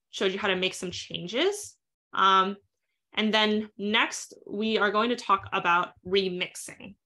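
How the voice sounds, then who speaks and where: A woman walks viewers through a software tutorial in a live webinar. Her voice is bright and forward, and she talks quickly in a casual, chatty way, filling pauses with ums and uhs. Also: mid-range voice. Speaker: instructor leading a live webinar.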